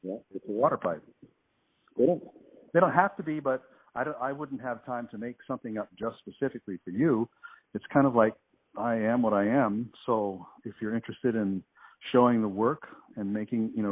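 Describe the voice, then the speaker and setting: A man's voice: medium pitch, husky. A man talking on a phone call, laid-back and hesitant, with a patchy, cutting-out line. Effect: heard over a phone line. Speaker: artist taking a phone call.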